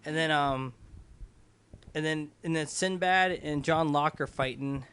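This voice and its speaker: Man, tipsy, slightly high-pitched, rambling, stumbling, casual comedic storytelling. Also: a little slow, a bit bright, clear, resonant tone. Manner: tipsy, loose, losing the thread with frequent stumbles. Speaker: host retelling a film for a comic review.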